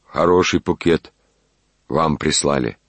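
Man reading as a grumbling old servant in a storybook, very deep husky voice, stubborn. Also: unhurried, no echo. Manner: grumbling, matter-of-fact.

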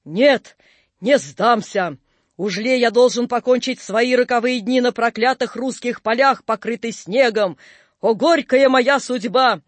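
A man's voice: sits high, animated, takes it slowly, a bit bright, dry recording, full character voice. A man playing a blustering stage Napoleon. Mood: bombastic. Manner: declaiming, bombastic. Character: pompous, blustering male Napoleon in a fairground show.

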